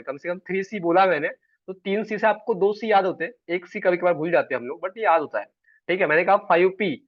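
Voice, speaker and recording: A man's voice: sits high, dry recording. Chatty male sales trainer on a call. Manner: chatty, keeps checking in with the class. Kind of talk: online class teaching. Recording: dull, dry online call audio.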